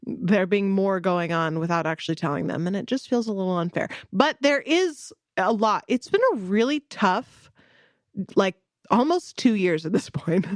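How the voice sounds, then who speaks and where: A woman's voice: mid-range voice, dry recording. Chatty woman podcast co-host, dry sound. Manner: chatty and rambling, laughs often. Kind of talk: casual chat.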